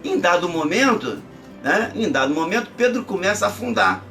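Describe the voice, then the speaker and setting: A man preaching a Bible lesson emphatically, rising to shouts and dropping to murmurs. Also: high-pitched, animated, moderate pace, vocal fry, recorded from a distance, faint music behind. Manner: emphatic, swinging between shouts and near-murmurs. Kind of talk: sermon-style Bible teaching.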